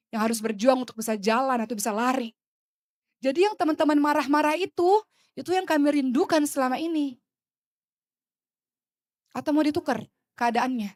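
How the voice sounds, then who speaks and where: A woman in her thirties giving an impassioned religious talk to women, with rhetorical questions, swinging between hushed and loud. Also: fairly high pitch, no echo, studio quality. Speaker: preacher.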